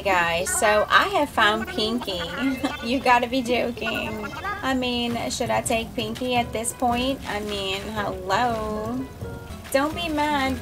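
A woman giving casual, chatty gameplay commentary as a video creator, excitable and prone to squeals of delight. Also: fairly high pitch. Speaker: gaming YouTuber.

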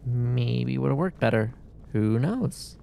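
A man's voice: mid-range voice, animated, takes it slowly, gravelly, dark tone, slight background noise. A man giving casual commentary while streaming a game, sarcastic and swearing at the game's characters.

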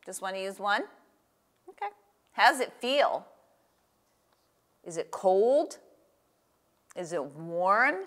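This older woman has a medium-pitched, slightly bright voice and is very animated, yet she takes it slowly with long pauses. Hosting a children's story time and craft, she encourages a young child with simple phrases and questions from a table in a small room, captured by a lapel mic.

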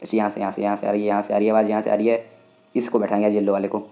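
Indian man, gaming host, rapid excited play-by-play, dark low voice. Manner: excitable, chatty, talks to the game and viewers. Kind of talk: casual game commentary.

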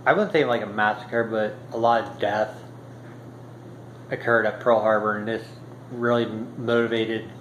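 Halting man talking in an echoey kitchen. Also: fairly low pitch, fairly bright tone, a little hiss or hum. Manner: halting, many ums and restarts. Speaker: history vlogger. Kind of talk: unscripted talk to camera. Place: home kitchen indoors. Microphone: built-in camera mic at arm's length. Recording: roomy kitchen echo, faint ambience.

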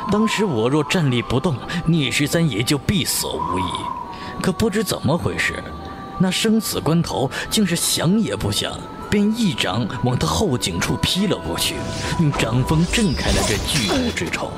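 With music playing, a male actor performs a seasoned, urbane, middle-aged martial-arts master in a wuxia audio drama. He sounds reflective, his fairly high voice swooping wildly in pitch, and his manner is measured, avuncular, and theatrical.

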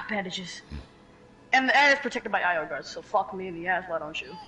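A man's voice: high voice, expressive, moderate pace, sharp tone, distant mic, poor audio. A man gaming and chatting casually, frantic and swearing a lot as he plays. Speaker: gamer.

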